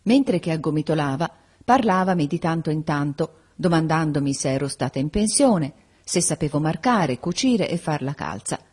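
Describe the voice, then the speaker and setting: Low, husky woman reading a novel. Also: animated, moderate pace, few pauses, a little mellow. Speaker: audiobook narrator. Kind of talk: audiobook narration of a classic novel.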